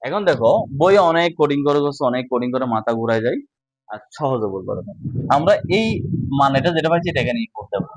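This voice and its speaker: A man's voice: mid-range voice, expressive, quick pace, dry recording, rough recording. Dry-voiced male teacher. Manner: explains step by step, often checking understanding. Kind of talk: casual whiteboard lesson.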